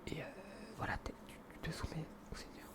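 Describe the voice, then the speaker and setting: A young man presents books in a hushed, breathy library whisper, with an informal, earnest, somewhat hesitant ASMR style and a brisk pace.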